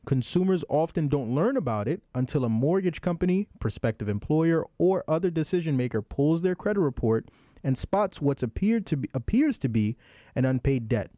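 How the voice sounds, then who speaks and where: A man's voice: on the high side, animated, moderate pace, dark tone, no room sound, clean studio sound. A man hosting a conversation, asking questions and reading aloud, often checking as he goes. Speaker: host.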